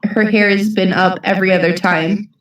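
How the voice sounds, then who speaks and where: A woman chatting casually in a fan discussion, animated and giggly. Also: mid-range voice, normal speed. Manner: animated and giggly, reads comic lines aloud. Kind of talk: casual chat. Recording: roomy echo from far mic.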